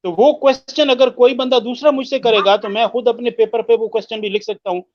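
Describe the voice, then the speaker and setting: High-voiced man teaching English, dull dry sound. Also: fairly even intonation, no room sound. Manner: explains slowly with many hesitations and mixes in English phrases; demonstrates word stress by repeating words. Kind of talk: explanatory discussion on listening skills.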